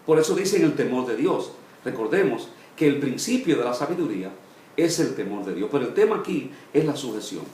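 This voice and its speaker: A man, a pastor, teaching a Bible study sermon in short phrases, with pauses and "eh" fillers, each phrase trailing off low and soft. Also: very animated, reverberant, slight background noise.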